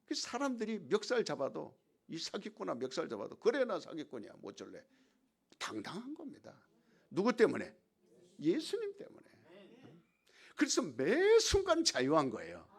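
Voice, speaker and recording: Gravelly, lively male preacher. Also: high-pitched, normal speed. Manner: emphatic preaching, call-and-response. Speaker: pastor. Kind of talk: sermon.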